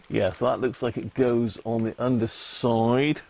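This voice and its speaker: This British man hosts a livestream, rambling to live viewers in a casual, colloquial way as he thinks out loud. He speaks slowly, with a medium-pitched, gravelly, darkish voice and fairly even intonation.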